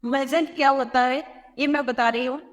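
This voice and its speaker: A high-pitched woman with an Indian accent gives a patient classroom-style lesson. She says each rule slowly and repeats it. Her voice rings with a long room reverb. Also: fairly even intonation. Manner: explains slowly, repeats phrases, mixes in English words. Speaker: English teacher.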